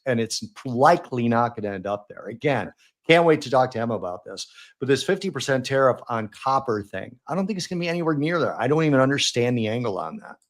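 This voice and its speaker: Middle-aged American man, co-host. Mid-pitched, blunt, dry humor. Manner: blunt, wry, talks in restarts. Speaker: co-host of a trading show. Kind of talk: casual market chat.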